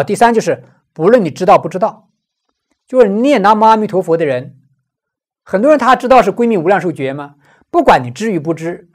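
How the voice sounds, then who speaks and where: Brief: low-voiced woman teacher, animated lilt, walks listeners through a Buddhist text with rhetorical questions. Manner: explanatory, asks and answers own rhetorical questions. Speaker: Buddhist lecturer. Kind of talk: scripture commentary lecture.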